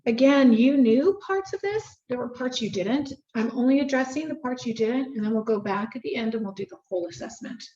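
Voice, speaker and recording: A woman's voice: on the high side, lively intonation, fairly quick, few pauses, warm tone, lo-fi sound, slight background noise. Patient woman tutor in a roomy room. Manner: patient, gives short drill prompts. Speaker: reading tutor. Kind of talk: one-on-one phonics lesson.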